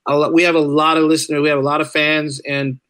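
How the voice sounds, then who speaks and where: A guest on a casual interview podcast, this man is a writer and musician whose voice is slightly high and fairly bright. He talks fast and informally in a level tone, looping back to repeat phrases for emphasis. The recording is dry with no room sound.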